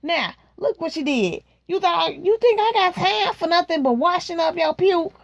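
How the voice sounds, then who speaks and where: A woman's voice: sits high, fairly even intonation, normal speed, a little mellow, no room sound, natural voice. A woman reading aloud, voicing a harried, exasperated mother in a storybook reading who scolds her sick child. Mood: scolding.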